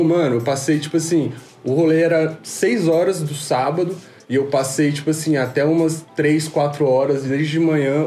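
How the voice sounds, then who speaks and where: Podcast guest: twenties, from Rio, laid-back slangy storyteller, echoey room. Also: male voice, on the high side, darkish tone. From Rio de Janeiro, Brazil. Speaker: podcast guest, music producer. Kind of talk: casual chat. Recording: roomy, faint background noise.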